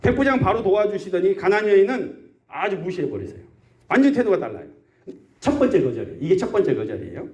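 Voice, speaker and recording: A man's voice: high-pitched, big pitch swings, fast talker, a little mellow. A man preaching a sermon as pastor of a rural church, often asking the congregation questions. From South Korea.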